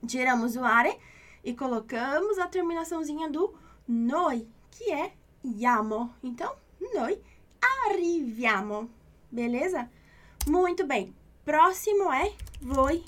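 A woman with a Brazilian Portuguese accent teaches an Italian lesson in a high, light voice. She goes slowly and patiently, repeating each example. She keeps checking that the listener is following. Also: fairly bright tone. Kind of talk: online language lesson.

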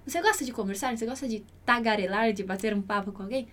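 A woman teaching an online language lesson, modeling pronunciation by repeating words slowly and clearly. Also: on the high side, fairly bright tone. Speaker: Italian teacher.

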